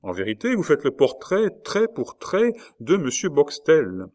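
A fussy, frail older official exclaims and lectures with self-important pomp, as a man reads him in a storybook. The voice sits low and carries a proud, prim edge. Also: sing-song, moderate pace. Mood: pompous. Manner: pompous, exclaiming.

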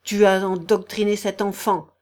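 A woman reading an audiobook, voicing a domineering older noblewoman who scolds in shrill outbursts. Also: level tone, moderate pace, darkish tone, close to an everyday voice. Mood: furious. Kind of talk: audiobook character voice.

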